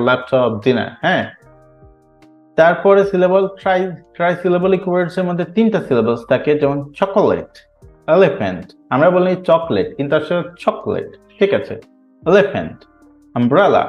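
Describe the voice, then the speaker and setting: A male English teacher with a Bengali accent, patiently explaining a grammar lesson and often checking "right?" with his students. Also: medium pitch. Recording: roomy, slightly dull sound with faint music.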